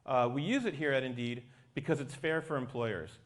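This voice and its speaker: A man's voice: mid-range voice, moderate pace. A man giving an explanatory technical talk as a company presenter.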